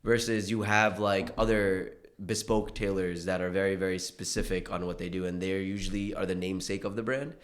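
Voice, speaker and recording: A young man born in India speaks as a guest on a casual podcast, loose and rambling, with plenty of fillers and restarts. His voice sits fairly low. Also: steady tone, fairly quick, few pauses. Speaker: guest, clothing designer and brand founder.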